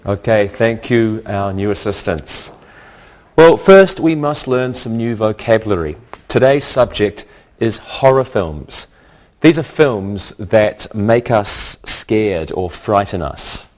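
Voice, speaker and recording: A man teaching a scripted English lesson, speaking deliberately and repeating each word for learners. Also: fairly low pitch, animated, darkish tone.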